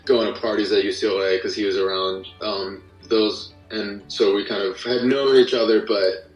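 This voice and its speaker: Recorded far from the mic in an echoey room, with faint music in the background, a young American man speaks in a lowish voice at a moderate pace and with fairly even intonation. He's a musician and audio drama creator guesting on a podcast, casually rambling through explanations and cutting himself off.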